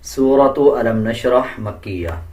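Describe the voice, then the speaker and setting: Patient male teacher walking beginners through pronunciation, unhurried to the extreme, slightly off-mic. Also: medium pitch, expressive, a little mellow, recorded from a distance. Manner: patient, deliberate, repeats and corrects common mistakes. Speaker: Quran recitation teacher. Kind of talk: step-by-step pronunciation lesson.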